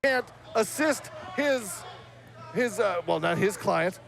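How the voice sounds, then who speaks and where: A man's voice: high voice, expressive, takes it slowly, a bit bright. A man giving live wrestling commentary from ringside. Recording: clear music behind the voice.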